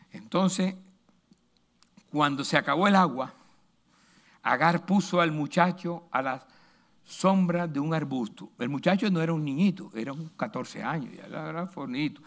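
A male pastor preaching a sermon, emphatic, moving between loud lines and hushed asides. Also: high-pitched.

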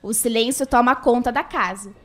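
Woman narrator for a radio soap opera, fairly high voice, scripted storytelling. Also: normal speed.

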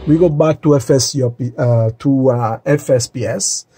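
A man's voice: medium pitch, moderate pace, dark tone, slight background noise. A man casually walking viewers through starting up his home flight simulator cockpit, talking straight to them as he clicks through screens, recorded on a phone in the sim room. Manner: chatty, addresses viewers directly. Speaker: flight sim hobbyist host. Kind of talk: casual tutorial walkthrough. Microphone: phone camera held or mounted nearby.

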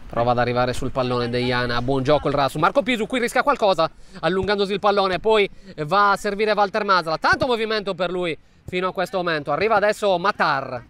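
A man's voice: high-pitched, animated, fairly quick, fairly bright tone. A man giving live play-by-play commentary on a football match.

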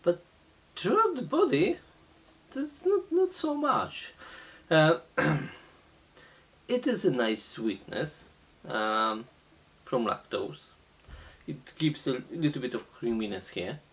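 Middle-aged guy tasting beer on camera, slow and halting, pitch jumps around a lot. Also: sing-song. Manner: slow, halting, many fillers and restarts. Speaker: beer reviewer. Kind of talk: casual beer tasting review. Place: small indoor room, seated at a table.

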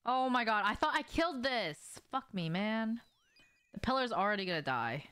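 On the high side and sing-song, this young woman's smooth, fairly bright voice moves at a normal speed with no room sound. She chats offhandedly with viewers while streaming a game indoors from a small room at home, swearing and asking questions often.

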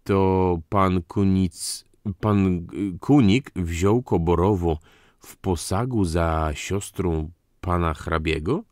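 A cautious man picks his words slowly and haltingly, voiced by an audiobook reader. The voice sits low and unhurried, recorded close and dry. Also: darkish tone, no room sound. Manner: hesitant, careful, faltering. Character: cautious, uncertain middle-aged man. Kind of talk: audiobook character voice.

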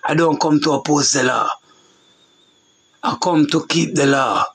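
Jamaican guy preaching, high husky voice, says things over and over. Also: a little slow, fairly bright tone, rough recording. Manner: repetitive, emphatic preaching with Jamaican patois. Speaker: preacher on a talk show. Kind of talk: loose preaching monologue.

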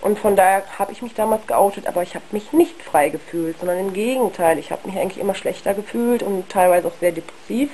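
A young woman talking frankly and haltingly in a casual video monologue, ill with flu, her worn, husky voice giving out. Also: on the low side, mellow, poor audio. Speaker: video blogger. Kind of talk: casual personal monologue to camera.

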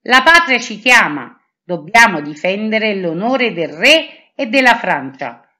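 A woman's voice: medium pitch, big pitch swings, slow, sharp tone, full character voice. A woman voicing a solemn young male musketeer speaking of duty.

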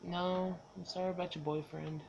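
A woman's voice: on the low side, flat delivery, moderate pace, vocal fry, highs cut off. A young woman giving casual, sarcastic and profane commentary while playing a game, talking back at the characters. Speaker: let's play streamer. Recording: background noise under the voice.

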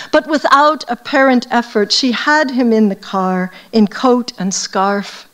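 Reading from a novel before an audience, a woman from the United States who works as an academic speaks with a fairly high pitch and a deliberate, measured delivery.

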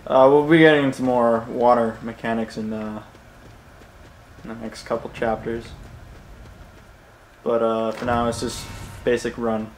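A man's voice: medium pitch, little pitch movement, a little slow, long pauses, slight background noise. A man giving casual gameplay commentary, rambling and joking and correcting himself as he goes. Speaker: let's play host. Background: game music and sounds.

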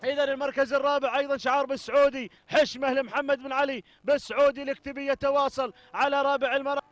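A man calling a camel race live, chanting rapid, breathless repetitions of phrases. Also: very high-pitched, flat delivery, a bit bright.

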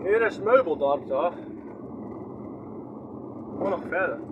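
His voice sits high and is expressive, with a slow pace, on a muffled recording with background noise. A Groningen-accented vlogger chats his way through a drive, filming on his phone and asking himself questions as he rambles.

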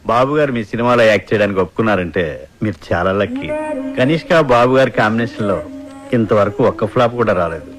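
A man's voice: lowish voice, lively intonation, over music, close to an everyday voice. An actor playing a smug, businesslike male film financier who talks down to the filmmakers. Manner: slow, businesslike, condescending. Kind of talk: comic film dialogue.

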